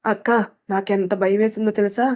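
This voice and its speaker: A woman voicing a playful, teasing teenage girl cousin in a spoken story, lively and mischievous. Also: medium pitch, normal speed, lightly acted.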